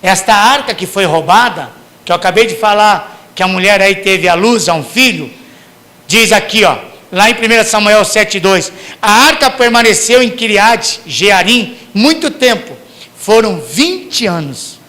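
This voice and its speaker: A Brazilian pastor preaching a sermon in church, swinging from hushed lines to shouted ones and acting out the people he quotes. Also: high voice, expressive, measured pace. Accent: Brazilian Portuguese. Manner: acts out quoted parents and sinners.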